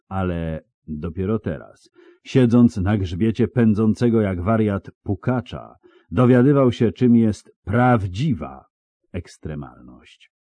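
A man narrating an audiobook in a steady storytelling delivery. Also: deep voice, no room sound. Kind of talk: scripted narration.

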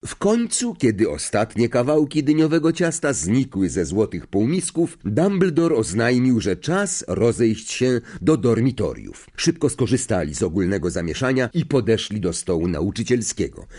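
Male storybook narrator, lively melodic pitch, mid voice. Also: normal speed, hardly any pauses. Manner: expressive, acts out characters. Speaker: audiobook narrator. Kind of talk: scripted narration.

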